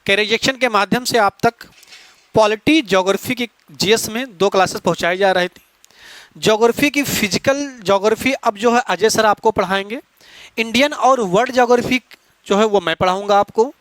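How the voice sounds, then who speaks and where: A man's voice: sits high, moderate pace, fairly bright tone, no room sound. A man teaching an exam-prep lecture, explaining step by step and asking rhetorical questions of his students. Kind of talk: classroom lecture.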